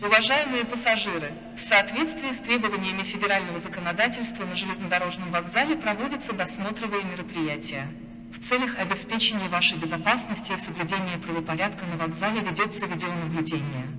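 A woman making measured, formal train announcements over a PA system in a large railway station. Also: mid-range voice, bright, forceful tone. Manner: measured, clipped and formal, slowing on place names. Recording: long reverb of a station hall.

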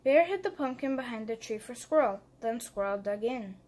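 Expressive woman reading a picture book. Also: fairly high pitch, moderate pace. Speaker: narrator. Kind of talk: children's read-aloud narration.

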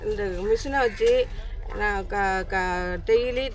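Woman, mother thanking donors, hesitant, stop-start delivery. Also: mid-range voice. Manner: halting, with many false starts. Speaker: mother receiving aid. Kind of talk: thank-you statement to camera.

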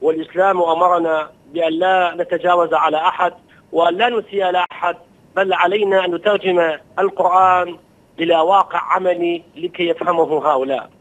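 A man, a religious scholar, preaches in quick, fluent bursts with a high-set voice. He answers an interviewer, building his points with emphasis. The sound comes through dull and lo-fi. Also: steady tone, a bit bright. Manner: fluent, quoting and retelling stories with emphasis.

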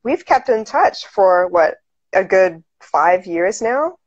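Slow but animated, a woman with a mid-range voice hosts a casual live video chat, full of enthusiasm and fillers. It's a phone selfie shot indoors in a small room, picked up by a wired earphone mic with slightly dull lo-fi live-stream sound.

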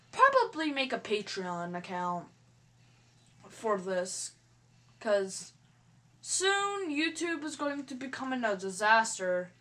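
A hesitant woman vlogging while she plays a game, talking at an unhurried, halting pace. Her voice sits a little high, and she stutters and restarts her sentences often. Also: pushed and bright. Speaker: gaming YouTuber. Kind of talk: casual vlog talk while playing a game.

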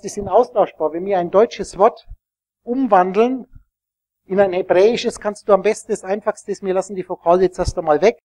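A man with a notably high voice lectures a room full of listeners, wandering from point to point and checking whether they are following. His sound is close and dry, with almost no room echo. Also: darkish tone. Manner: rambling, explanatory, asks the audience questions. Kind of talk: live teaching talk to an audience.

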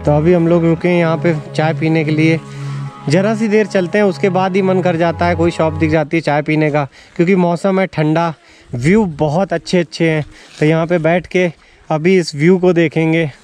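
A man's voice: a little high, fairly even intonation, moderate pace, a little mellow, faint music behind. A man in his thirties from India, narrating a casual motorcycle travel vlog outdoors on mountain roads, chatty and enthusiastic as he explains tips to viewers.

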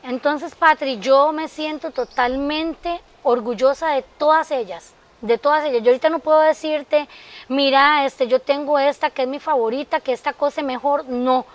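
A woman guest on a TV interview with a very high voice. As a sewing workshop teacher, she speaks in a heartfelt, emphatic way and often calls the host by name. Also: steady tone, normal speed. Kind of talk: interview answers.

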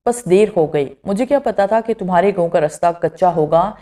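Brief: woman voicing a teasing young man in a storybook, low and mellow. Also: animated, natural voice. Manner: playful, teasing.

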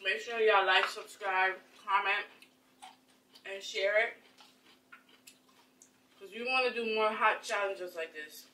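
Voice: mid-range voice, takes it slowly, pauses often, distant mic, slight background noise. A co-host chatting casually and laughing easily while eating snacks on camera, heard off-mic in an echoey room. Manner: laughing easily, slangy, relaxed. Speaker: co-host of a food challenge channel.

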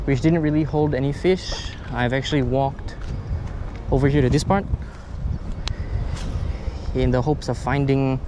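A man's voice: mid-range voice, noisy background. A young man, a fishing vlogger, talking casually outdoors by an urban canal into a chest-mounted action camera, with many filler sounds. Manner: relaxed, chatty, many "uh" fillers. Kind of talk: casual vlog narration.

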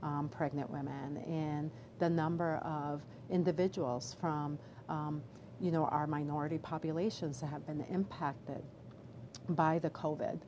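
Low-voiced woman doctor, halting. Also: steady tone. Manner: measured, with many fillers and restarts. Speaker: obstetrician gynecologist, chief medical officer. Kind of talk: live video Q&A answer. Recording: background noise.

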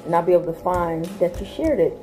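A woman's voice: on the low side, animated, fast. Chatty woman vlogging. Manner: chatty, repeats you guys. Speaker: vlog host. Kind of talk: casual vlog chat. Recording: faint music behind.

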